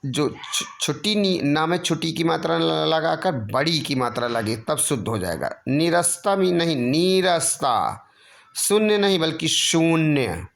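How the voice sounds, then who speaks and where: A man teaching spelling corrections, slowly dictating and repeating each word. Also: a little high, expressive, vocal fry, fairly bright tone. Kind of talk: spelling lesson.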